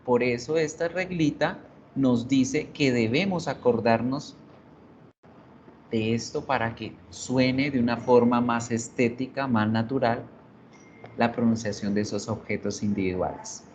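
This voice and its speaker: A woman teaches basic English over a video call, explaining slowly and patiently. Her audio is dull and lo-fi, with faint hiss behind it. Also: a bass voice, a little mellow. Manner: explains patiently, mixing Spanish and English, checks in with "right?" and "¿sí?". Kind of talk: online class lecture. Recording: dull lo-fi online class audio.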